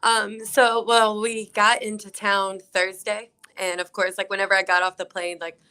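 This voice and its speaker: A woman's voice: medium pitch, level tone, moderate pace, pushed and bright, clean tone. A young woman from South Carolina, a fighter, chatting upbeat and casual as an interview guest over a video call.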